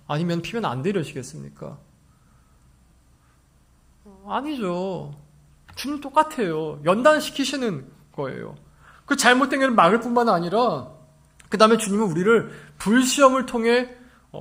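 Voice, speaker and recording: Lively high-voiced Korean pastor preaching. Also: male voice. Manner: lively preaching, acts out short quoted lines, rises to emphatic shouts. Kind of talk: sermon. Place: church sanctuary.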